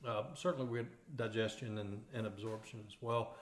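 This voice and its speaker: A man's voice: on the low side, steady tone, brisk. A man with an East Texas accent teaching radiography in a lecture over slides, explaining step by step with many fillers and restarts. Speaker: radiography instructor. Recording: roomy echoey recording.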